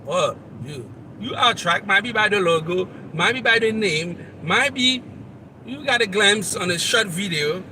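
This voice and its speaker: A Haitian man with a high voice and a Haitian accent gives a live motivational talk. He speaks straight to the listener and repeats his points earnestly. He sounds distant from the mic, over loud traffic outdoors. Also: animated, unhurried. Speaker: motivational coach and channel host. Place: outdoors near traffic, on the road.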